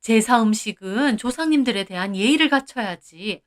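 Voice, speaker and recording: A woman's voice: a little high, animated, close to an everyday voice. Woman reading as a stern scolding mother-in-law. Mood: reproachful. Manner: slow, reproachful scolding.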